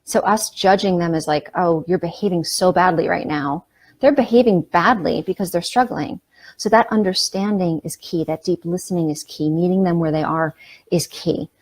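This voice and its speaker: A woman's voice: fairly low pitch, normal speed, a little mellow. A middle-aged woman coaching parents in a casual, conversational talk, often checking in with "right?" and "you know".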